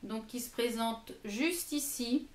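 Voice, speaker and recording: A French beauty vlogger with a slow, high-side voice reviews lipsticks on her own vlog. She sounds hesitant, full of fillers and repeated words, and the recording is reverberant.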